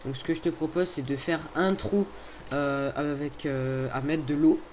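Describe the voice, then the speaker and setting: A man's voice: a little high, fairly even intonation, moderate pace, a little mellow. A young man giving casual, chatty gameplay commentary, hesitant and full of fillers, recorded on a headset. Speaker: video host. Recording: faint background noise.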